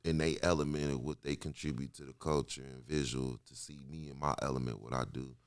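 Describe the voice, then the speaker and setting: A man in his late thirties from Kansas City, a musician guest telling stories in a slangy, animated way. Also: a bass voice, brisk, smooth, no echo, clean studio sound. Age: 30s. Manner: slangy, repetitive, animated storytelling. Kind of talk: casual interview chat.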